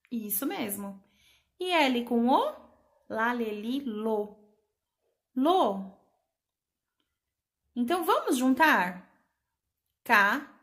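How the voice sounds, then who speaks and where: A patient preschool teacher speaking to small children, spelling out letters and syllables one by one. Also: female voice, fairly high pitch, fairly bright tone. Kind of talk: slow remote lesson for young children.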